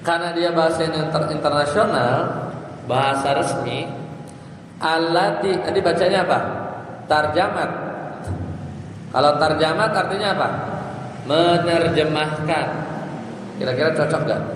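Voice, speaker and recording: A man's voice: fairly high pitch, unhurried, pauses often. A male Islamic teacher giving a grammar lesson, quizzing his listeners and chanting lines of Arabic text in a sing-song. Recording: very echoey hall, faint background noise.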